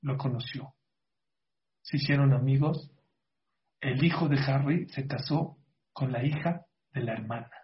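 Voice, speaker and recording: A man's voice: medium pitch, unhurried, pauses often. A middle-aged man tells a moral story as a religious speaker, earnestly questioning his audience. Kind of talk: storytelling sermon. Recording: slightly muffled lo-fi audio.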